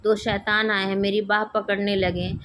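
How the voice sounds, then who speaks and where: A fearful, guilt-ridden servant man from a stage play, as a woman reads him aloud. His lines come in halting, repeated phrases. The voice stays her own, mid-pitched and plain. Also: little pitch movement, a bit bright, close to an everyday voice.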